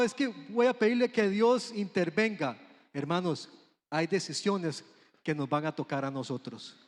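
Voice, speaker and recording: A man with a Costa Rican accent preaching a sermon in a church, talking conversationally and often asking the congregation questions. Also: a little high. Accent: Costa Rican Spanish. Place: church sanctuary. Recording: long hall reverb.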